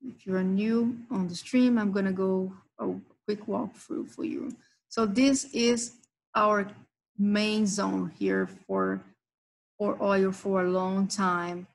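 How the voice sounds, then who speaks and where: A woman's voice: medium pitch, slow, poor audio. A woman hosting a live trading session, walking members through chart levels and price zones. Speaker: trading stream host.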